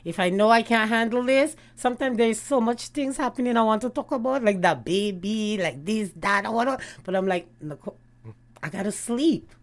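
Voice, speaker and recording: Fairly quick and with few pauses, her slightly high voice carries a middle-aged Canadian woman's stories as she guests in a casual chat with a YouTube gossip host. She's chatty and laughs frequently.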